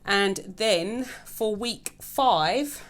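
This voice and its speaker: This budgeting-channel host talks to her viewers very slowly, her medium-pitched voice fairly bright. It's a relaxed, chatty vlog, with "guys" coming up again and again as she addresses them.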